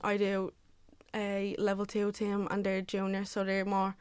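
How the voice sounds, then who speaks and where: A woman's voice: mid-range voice, monotone, normal speed, clean tone, no room sound. A young woman who cheers and coaches, answering interview questions casually and saying "like" constantly. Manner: filler-heavy, says "like" constantly.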